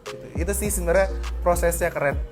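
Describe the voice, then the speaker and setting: A twenty-one-year-old man, a student and barista, giving relaxed, casual interview answers. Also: high voice, fast, loud music behind the voice.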